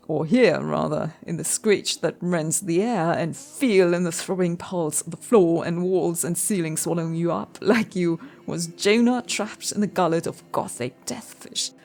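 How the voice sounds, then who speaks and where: A woman's voice: mid-range voice, vocal fry, darkish tone, exaggerated voice. A woman voicing an eccentric male coder who loves death metal, in a drawling, folksy put-on accent.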